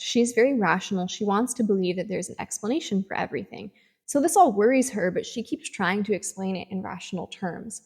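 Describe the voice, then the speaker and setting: A woman chats through a spooky novel's plot in a lively, storytelling way, speeding up and slowing down for effect. She often drops in casual fillers as she goes. Her pitch sits in a middling range for a woman. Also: slightly rough. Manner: animated storytelling, tempo swings, frequent "like". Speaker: book reviewer. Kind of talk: casual book review vlog.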